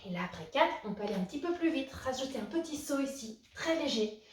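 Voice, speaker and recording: A young woman leads a home workout, calling out breaths and counting reps with steady encouragement. Her fairly high voice comes from some way off the camera. The room has a clear echo. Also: quick pace, a little hiss or hum. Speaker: fitness coach. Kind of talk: guided postpartum workout class. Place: room at home, moving around away from the camera. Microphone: camera at a distance. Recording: roomy echo, voice from a distance.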